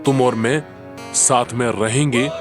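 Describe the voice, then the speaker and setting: A man's voice: medium pitch, fairly even intonation, measured pace, close to an everyday voice. A man dubbing an earnest young man in a Hindi film, trying to persuade a woman. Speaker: dubbing actor. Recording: film soundtrack with loud music.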